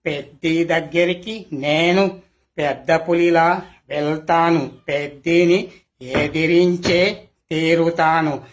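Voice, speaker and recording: Telugu film villain, played by a man: very slow, slightly high-pitched, taunting, boastful, theatrical menace. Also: fairly even intonation. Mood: boastful, defiant. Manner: slow, taunting, theatrical delivery with drawn-out phrases.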